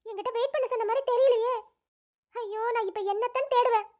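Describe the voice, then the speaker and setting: A nurse, fussing camp teachers and schoolgirls in a cartoon drama. The voice is very high and quick, with a flustered edge. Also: steady tone, a little mellow.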